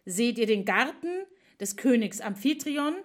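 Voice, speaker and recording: A woman's voice: fairly high pitch, animated, unhurried, pitched above the performer's own voice. A woman voicing a jealous, cruel goddess who gives scornful commands to her servants. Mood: imperious.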